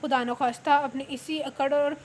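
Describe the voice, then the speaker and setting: A woman reads a worried elder sister-in-law who scolds and rambles about family gossip. The voice is high, with a faint room hiss behind it, like a storybook read aloud. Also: fairly even intonation, normal speed, lightly acted. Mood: scolding.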